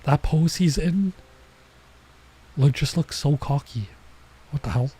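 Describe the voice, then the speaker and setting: A streamer with a slightly high, mellow, somewhat rough male voice plays a visual novel, speaking slowly. He is coming down with a cold, so he sounds nasal and stuffed up as he drifts into rambling, chatty asides in this casual let's play.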